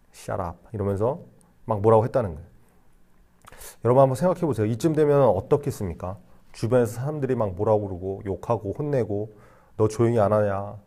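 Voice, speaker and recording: Mellow-voiced Korean youth preacher. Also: male voice, mid-range voice. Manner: conversational preaching with acted-out voices and rhetorical questions. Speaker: youth pastor. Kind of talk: sermon. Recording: re-recorded sermon broadcast.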